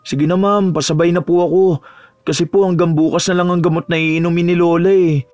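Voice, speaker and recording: Brief: actor voicing a young male student, high-pitched, respectful but hot-tempered. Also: level tone, brisk, darkish tone, lo-fi sound, close to an everyday voice. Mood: pleading. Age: young adult. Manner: pleading, then indignant and cutting.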